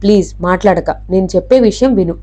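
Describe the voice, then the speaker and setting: A secretive woman giving hushed, urgent instructions, as a woman narrator puts her on in a storybook reading. Her tone stays low-key and mellow. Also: fairly quick, natural voice.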